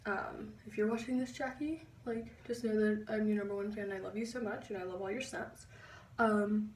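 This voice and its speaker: A young woman giving a chatty makeup tutorial, pausing as she concentrates. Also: medium pitch, darkish tone, far from the mic, slight background noise. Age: young adult. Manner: chatty, halting while concentrating. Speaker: beauty vlogger. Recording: echoey room, a bit off-mic.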